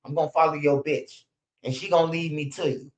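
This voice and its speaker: On his street news channel's livestream, this man in his forties speaks a little quickly in a steady, fairly high voice. His street stories come out blunt, crude and laid-back, peppered with "bro" and "man."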